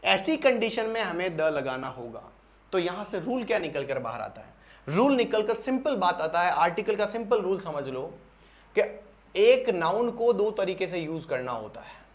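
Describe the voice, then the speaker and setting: A young man with an Indian accent teaches an English grammar lesson for exam students. His voice sits high for a man. He drills each rule by repeating it and firing rhetorical questions at the class. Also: very animated, normal speed.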